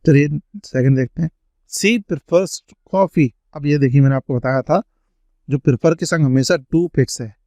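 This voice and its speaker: A man teaching an English grammar lesson, stretching out each example sentence slowly as he reads it. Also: medium pitch, steady tone, warm tone, no echo. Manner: slow, drawn-out reading of example sentences. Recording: dry, dull lo-fi sound.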